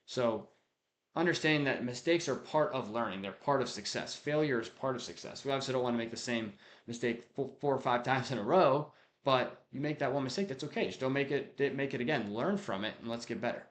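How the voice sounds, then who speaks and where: Man, leadership coach, casual direct talk, middle pitch, restarts often, acts out short quotes. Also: a little fast. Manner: casual, direct, conversational, with frequent restarts and acted-out example quotes. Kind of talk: unscripted talk to camera on leadership.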